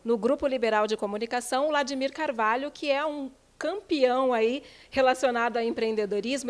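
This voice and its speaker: A young Brazilian woman hosting a TV interview with an upbeat presenter delivery, holding a handheld mic in an office. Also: on the high side. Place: office with bookshelves, indoors.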